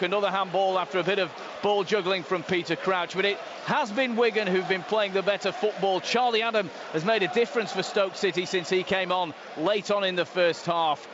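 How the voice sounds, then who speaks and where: Reporter guy half yelling from the ground, dull line, loud noise. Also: high-pitched. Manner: loud, half-shouted delivery. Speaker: match reporter. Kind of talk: live stadium report. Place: football stadium. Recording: dull noisy stadium feed. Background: stadium noise.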